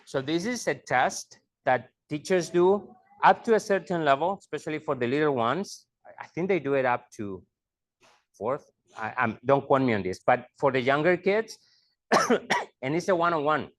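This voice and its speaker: A man's voice: on the high side, lively intonation, measured pace. A middle-aged man, a school leader, explaining things to parents and repeating his points in two languages. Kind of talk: bilingual presentation to parents.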